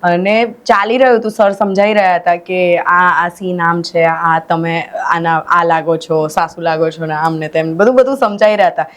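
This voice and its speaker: A woman's voice: on the low side, normal speed, hardly any pauses. A young woman with a Gujarati accent, an actress talking as a podcast guest and telling stories animatedly in casual interview chat. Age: young adult. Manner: animated storytelling, acts out quoted shouts, mixes English in.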